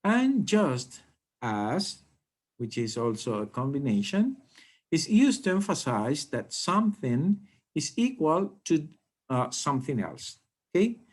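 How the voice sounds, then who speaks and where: A man teaching an English grammar lesson, explaining slowly and deliberately and often checking in with the class. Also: on the high side, big pitch swings.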